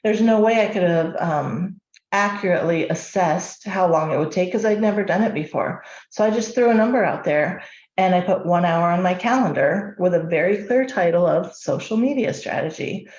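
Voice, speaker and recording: A woman's voice: fairly low pitch, moderate pace, darkish tone. Woman teaching with roomy, muffled sound. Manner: conversational, frequent ums, rhetorical questions. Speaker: course instructor. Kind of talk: online course presentation.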